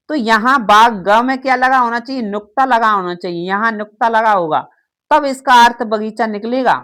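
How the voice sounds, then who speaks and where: A woman's voice: medium pitch, fairly bright tone. A woman teaching a grammar lesson, who keeps asking questions and answering them herself. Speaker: Hindi teacher.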